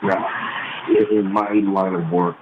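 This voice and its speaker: A low-voiced older man phones in to a radio show, blunt and impassioned in quick bursts. The line is thin and tinny, and his voice comes across hollow and far off, as if he were talking from inside a tunnel. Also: flat delivery, very noisy. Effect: hollow, distant phone sound, as if calling from inside a tunnel. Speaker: caller. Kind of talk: phone-in call to talk radio.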